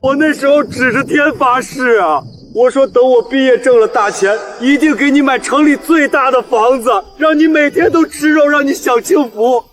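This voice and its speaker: A man's voice: extremely high pitch, normal speed, hardly any pauses, crowd noise. An actor playing a grief-stricken, determined son seeking justice for his father in a short drama, pleading and tearful. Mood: anguished remorse. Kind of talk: emotional short-drama acting.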